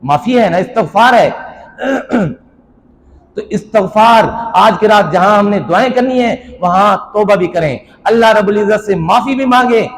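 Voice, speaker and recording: Male preacher, high voice, pleading sermon delivery with pauses. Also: poor audio. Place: mosque gathering.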